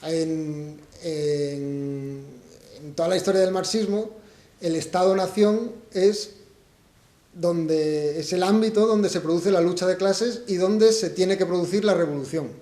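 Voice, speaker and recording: A man from Spain speaks at a book presentation with a fairly high but mellow voice, working through his ideas aloud and asking the audience rhetorical questions. The hall around him adds a roomy echo. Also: a little slow. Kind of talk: public talk to an audience. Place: event hall.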